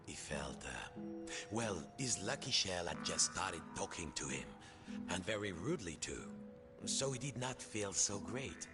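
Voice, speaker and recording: A man narrating a storybook video game in a dramatic, expressive storyteller's manner. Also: deep voice, a little slow, music in the background.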